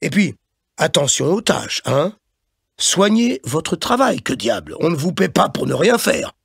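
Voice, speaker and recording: A blustering, fussy office boss, as a male reader puts him on, scolding in a raised, lively voice that swings up and down. The tone is gravelly and husky, recorded close and dry for an audiobook. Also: a little high, dry recording, voice pushed up, full character voice. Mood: bossy. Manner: chiding, repeats "hein", quick and emphatic.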